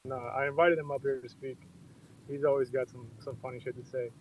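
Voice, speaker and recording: A man's voice: medium pitch, level tone, fairly quick, no room sound. A man speaking over a car Bluetooth headset while driving in the rain, chatting in a laid-back, loose way and swearing casually. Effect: muffled car Bluetooth headset mic. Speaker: project founder on a live audio chat. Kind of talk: casual chat.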